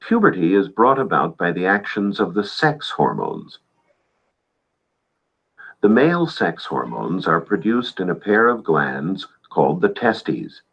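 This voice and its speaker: Deep, husky male film narrator. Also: unhurried. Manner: calm, matter-of-fact explaining. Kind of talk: scripted educational narration. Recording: dull lo-fi film soundtrack.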